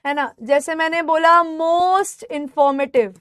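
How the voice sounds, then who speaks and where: Very high-voiced woman teaching an online class. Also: a bit bright, dry recording, studio quality. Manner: patient, addresses students as "beta"; slows down and stresses example words. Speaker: English teacher. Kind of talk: live online class, Hindi-English mix.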